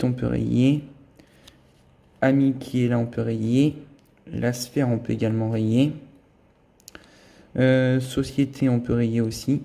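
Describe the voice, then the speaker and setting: A man's voice: medium pitch, gravelly, mellow. A man giving a casual running commentary as he scratches lottery tickets, thinking aloud as he checks each symbol and letter. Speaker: scratch-card vlogger.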